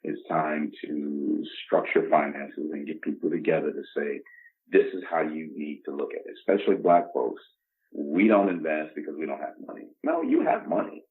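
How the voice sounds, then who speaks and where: Through a dull, muffled lo-fi recording comes a very deep voice with big pitch swings, moving at a moderate pace. It belongs to a man in his 50s from the Bronx, New York, who speaks as a podcast guest in a casual, motivational, emphatic way, acting out imagined dialogue.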